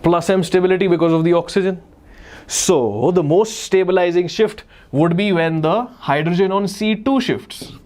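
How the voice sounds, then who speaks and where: Male online tutor, North Indian accent, slightly high pitch, explains step by step with emphatic repetition. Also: normal speed, darkish tone. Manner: emphatic, repeats key phrases and questions; switches between English and Hindi. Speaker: chemistry teacher. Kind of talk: live online exam lesson, explaining step by step.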